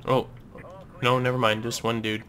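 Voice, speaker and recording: A young man chatting excitedly while playing a co-op stealth game with a friend, sometimes slipping into a hushed voice. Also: mid-range voice, normal speed, a little hiss or hum. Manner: excitable, drops to a whisper while sneaking. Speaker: gaming co-host. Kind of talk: casual co-op gameplay commentary.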